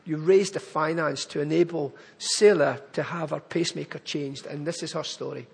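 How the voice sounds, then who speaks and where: A man's voice: on the high side, steady tone, moderate pace, gravelly, breathy edge, big-room sound. A man with a Glaswegian Scottish accent, giving an earnest church appeal talk that addresses the congregation directly. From Glasgow, Scotland. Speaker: charity speaker at a church. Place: church hall.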